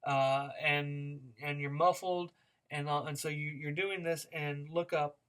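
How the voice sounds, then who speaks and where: A male speech instructor giving a recorded lecture, conversational and demonstrative, with frequent fillers and restarts as he varies his speed, pitch and loudness to show his points. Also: steady tone, a little slow.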